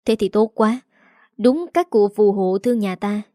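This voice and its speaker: A woman's voice: medium pitch, unhurried, dark tone, dry recording, clean studio sound, natural voice. A woman voicing a bossy, nagging older rural mother-in-law. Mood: curious.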